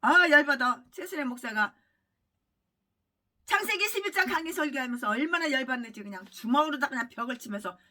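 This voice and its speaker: A woman pastor delivering a furious, abusive sermon, swinging between shouting and low muttering. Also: animated, fairly quick, distant mic. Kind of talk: ranting sermon.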